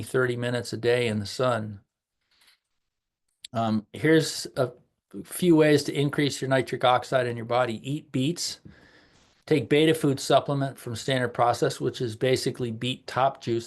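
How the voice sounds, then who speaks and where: A middle-aged man lectures on health matters over a video call, his mid-pitched voice gravelly with vocal fry. He talks in a loose, conversational way, often pausing on an um or restarting a phrase. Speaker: health practitioner giving a talk.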